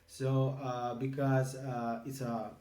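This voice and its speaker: Croatian-raised man co-hosting a podcast, halting speech full of fillers, echoey room, somewhat distant mic. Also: mid-range voice, little pitch movement, warm tone. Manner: halting, many filler ums and restarts. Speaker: podcast co-host. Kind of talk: casual podcast chat.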